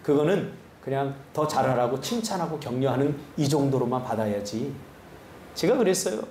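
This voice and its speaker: A male pastor giving an animated sermon full of rhetorical questions to his congregation. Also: mid-range voice, moderate pace, roomy sound, slight background noise. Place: church sanctuary.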